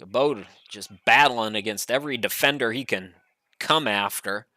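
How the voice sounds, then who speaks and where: A middle-aged man calling a college soccer match play-by-play from a home studio, chatty and relaxed with frequent fillers. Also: medium pitch, moderate pace, no echo. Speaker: play-by-play commentator.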